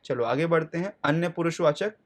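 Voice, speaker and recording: A man teaching a grammar lesson. He asks questions and answers them himself, checks in often with listeners, and slows right down to spell out lists of words. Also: fairly high pitch.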